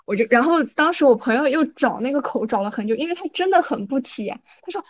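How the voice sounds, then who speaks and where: A woman co-hosting a podcast, telling a story in a casual, animated way and often checking in with her listener. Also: high-pitched, quick pace. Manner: animated, frequent "你知道吧" asides. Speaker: podcast co-host.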